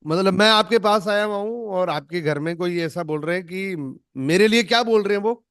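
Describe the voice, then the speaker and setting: A man's voice: sits high, moderate pace, a bit bright, smooth, no room sound, studio quality. A man leading an online network marketing training, emphatic and demonstrative, acting out lines to show tone. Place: online video call.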